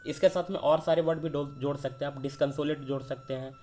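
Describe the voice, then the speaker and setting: A man's voice: on the high side, steady tone, fast, a little mellow. A man teaching an exam vocabulary lesson, posing questions to himself and answering them as he goes.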